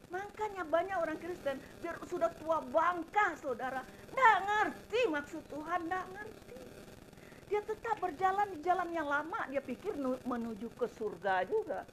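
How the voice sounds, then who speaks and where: A middle-aged woman preaching an impassioned sermon, swinging between loud emphasis and quiet asides, addressing her congregation directly. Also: very high voice, animated, normal speed, a little hiss or hum, rough recording. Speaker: evangelist preacher.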